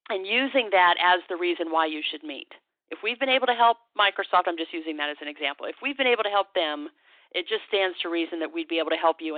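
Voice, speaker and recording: A woman guest coaching on sales calls, talking with confidence and acting out the lines she teaches. Her voice sits a little low and comes over a narrow, tinny phone line with no room sound. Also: dry recording. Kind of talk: phone interview.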